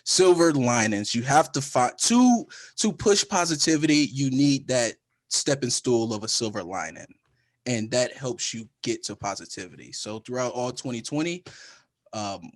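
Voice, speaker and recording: A man's voice: medium pitch, dry recording. Laid-back man, dry close mic. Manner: animated storytelling, laughs often. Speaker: podcast co-host. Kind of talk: casual chat.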